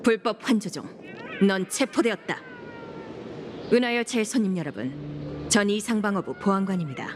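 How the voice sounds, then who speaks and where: A woman's voice: mid-range voice, normal speed, long pauses, background noise, natural voice. A woman playing a law-abiding sheriff in a game, speaking with formal, courteous authority. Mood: stern, commanding. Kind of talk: scripted game voice acting. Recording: music behind the voice.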